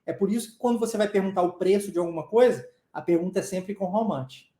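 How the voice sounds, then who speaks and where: A man teaches English pronunciation in a relaxed live online class, his Southeastern Brazilian Portuguese accent clear as he chats, often says "tá?" to check in, and coughs now and then. He talks fast in a high, warm voice, and the room echoes.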